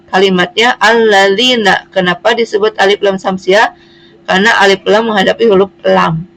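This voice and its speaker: A woman's voice: mid-range voice, steady tone, moderate pace, vocal fry, fairly bright tone, rough recording. A woman teaching Quran reading, explaining patiently and spelling out letters one at a time. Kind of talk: slow classroom explanation.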